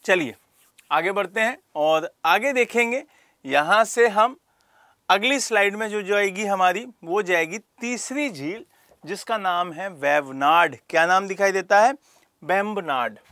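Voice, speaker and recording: A man with a high-pitched, sharp-toned voice teaches geography for exam prep at a measured pace, asking rhetorical questions and addressing students by name. The sound is clean studio quality with no echo.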